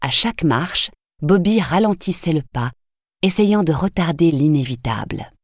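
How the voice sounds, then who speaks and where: A woman narrating a novel as an audiobook in a measured, even storytelling voice. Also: low voice, dry recording, clean studio sound.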